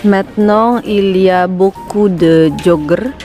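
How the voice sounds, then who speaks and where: A woman's voice: mid-range voice, slow. A woman with a Sundanese-Indonesian accent, narrating a casual vlog outdoors in a city, hesitant and playful, with many fillers. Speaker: vlogger. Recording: music playing under the voice.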